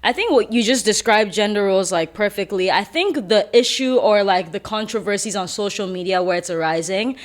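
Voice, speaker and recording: A woman's voice: mid-range voice, lively intonation, a little fast, few pauses. A young adult woman co-hosting a podcast in casual chat, playful and joking as she steers the talk. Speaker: podcast co-host.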